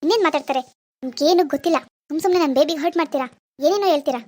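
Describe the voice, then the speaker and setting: A woman's voice: high-pitched, racing, darkish tone, natural voice. A woman voicing a rich, haughty mother in a cartoon, talking in a scornful, dismissive way. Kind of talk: Kannada cartoon drama voicing.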